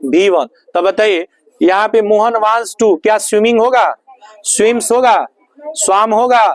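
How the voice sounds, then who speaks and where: A man's voice: high voice, a little slow, rough recording. Male teacher drilling a classroom. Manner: drills students with repeated questions. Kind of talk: classroom grammar lesson. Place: classroom with students.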